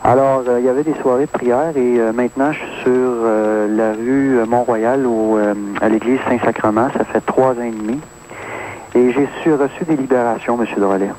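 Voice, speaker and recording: On an AM radio phone-in, a thirtysomething caller with a Québécois French accent testifies earnestly, his speech full of hesitant fillers. He has a mid-range, darkish voice, fairly even intonation and a normal pace. The low-quality audio carries a faint hiss.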